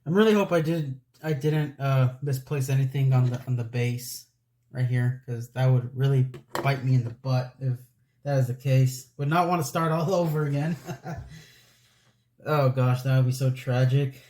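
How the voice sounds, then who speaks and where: A Lego building vlogger in his late twenties chats casually as he builds a model set, rambling, laughing often at himself, and breathing audibly into the mic in soft, breathy close-mic talk. His mid-range voice is steady and at normal speed.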